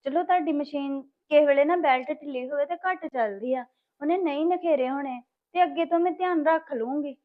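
A woman's voice: sits high, fairly quick. A woman playing a young wife who narrates and answers patiently in a family drama. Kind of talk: amateur family drama acting. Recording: thin phone-like sound.

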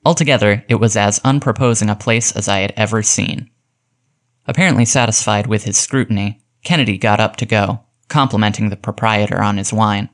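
Low-voiced man reading a vintage mystery. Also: fairly quick. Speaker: audiobook narrator. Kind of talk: scripted narration.

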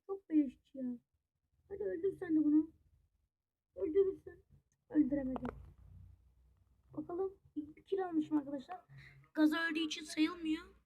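A gaming YouTuber giving casual gameplay commentary, chatty and excitable, constantly talking straight to the viewers as friends. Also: sits high, highs cut off. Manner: excitable, reacting out loud to the match.

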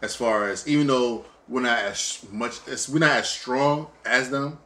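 A man co-hosting a casual couple's chat while eating, talking haltingly with frequent restarts. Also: medium pitch, sharp tone. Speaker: co-host.

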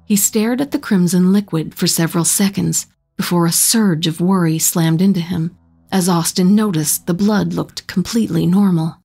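A woman narrating a horror short story in a slow, measured storytelling manner. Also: lowish voice, gravelly, mellow, slightly rough.

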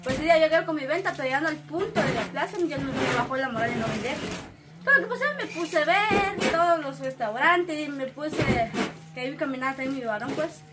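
A woman's voice: sits high, animated, a little fast, very noisy. A woman telling her own story in a rambling, breathless way, full of broken restarts. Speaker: woman telling of being beaten. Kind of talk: emotional first-person account.

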